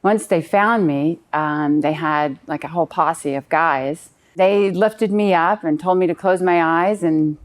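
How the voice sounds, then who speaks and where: A woman's voice: sits low, a little slow, few pauses. A woman in her fifties telling a personal story in an earnest, detailed and slightly rambling way. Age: 50s. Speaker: client giving a testimonial.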